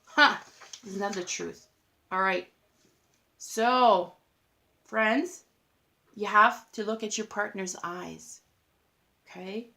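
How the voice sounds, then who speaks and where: A woman's voice: medium pitch, steady tone, slow pace, pauses often, sharp tone. A woman giving a casual tarot reading to her viewers, chatty and effusive, filling her talk with "like" and laughing at herself. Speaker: tarot reader.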